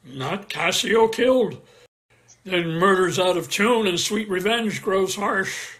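A man's voice: high voice, fairly bright tone. A man reading a brooding jealous general. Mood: wary. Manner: slow, weighty verse delivery. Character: jealous tormented male general, middle-aged. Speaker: reader in an online play reading. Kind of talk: dramatic Shakespeare reading. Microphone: video call.

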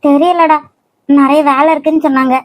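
Woman playing a quiet, sad new bride. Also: sits high, steady tone, normal speed, dry recording, natural voice. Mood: subdued sad. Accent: Kanyakumari Tamil. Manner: quiet, subdued replies.

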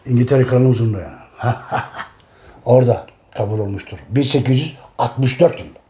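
A man's voice: medium pitch, normal speed, warm tone. A middle-aged man talking casually to his audience, emphatic and repeating each phrase. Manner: addresses his audience directly. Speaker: host. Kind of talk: casual talk.

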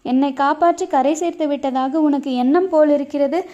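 A woman's voice: high-pitched, fairly even intonation, normal speed, warm tone, lightly acted. A woman voicing a boastful, teasing young male warrior in a storybook reading, with bantering, mock-dramatic lines. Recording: dull lo-fi recording.

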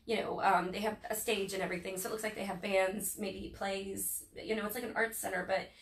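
A woman from Northern Virginia co-hosting a casual live stream, reading event listings in a chatty way with many ums, her voice a little hoarse. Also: medium pitch, level tone, a little fast. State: losing her voice. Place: local speed shop, indoors. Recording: echoey room, far from mic, faint noise.

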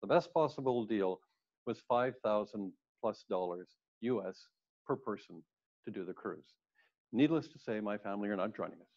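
A man's voice: on the low side, expressive, moderate pace, darkish tone. An older man, a cruise ship speaker, giving a conversational slide presentation with rambling restarts. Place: indoors in front of a plain wall. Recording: dull lo-fi sound.

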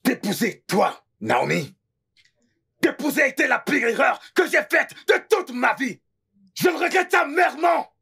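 An actor dubbing an exasperated, sarcastic husband who rants theatrically and pities himself, with a gravelly, raspy voice. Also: male voice, high voice, big pitch swings, moderate pace, pauses often, a bit bright, full character voice. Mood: bitter ranting. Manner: theatrical, self-pitying rants. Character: exasperated sarcastic husband, middle-aged man. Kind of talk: dubbed film acting.

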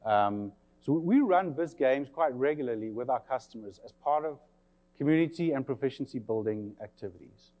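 In a large conference hall, a South African presenter in his forties, his accent faintly English-tinged, delivers a warm, conversational talk full of fillers. His medium-pitched voice is mellow and animated at a moderate pace.

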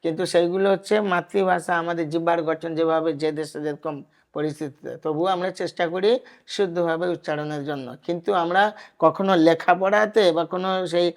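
A man in a devotional discussion, explaining in an earnest, measured way. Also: fairly high pitch, steady tone.

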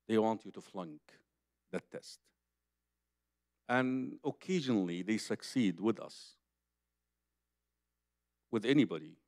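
An older Egyptian man, a native Arabic speaker and Islamic preacher, gives a religious lecture at a conference, seated at a table on a hall stage. His lowish, darkish voice is captured dry and clean through a boom-stand microphone, with studio sound. He speaks conversationally and emphatically, repeating phrases and addressing the audience directly.

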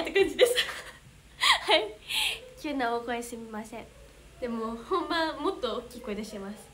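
A young woman with a Kansai accent talks to her viewers in a high, sweet voice. She chats casually, giggles often and gets flustered easily. A faint hiss sits behind her close-miked voice. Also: fairly bright tone. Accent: Kansai Japanese. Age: young adult. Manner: bubbly, giggly, flustered exclamations. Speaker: idol livestreamer reading fan comments. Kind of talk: casual livestream chat.

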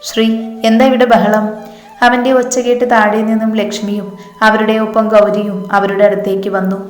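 A woman's voice: medium pitch, level tone, moderate pace. A woman narrating a romance story, reading every character in her own voice with small shifts for each. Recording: echoey room with faint music. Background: faint background music.

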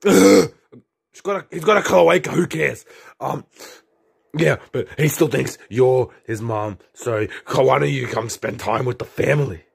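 A man voicing a boastful, clingy male turtle king with spikes, whining and pleading with a raspy, gravelly voice in an amateur comedy skit. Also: mid-range voice, moderate pace. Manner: whiny, pleading, mumbling asides.

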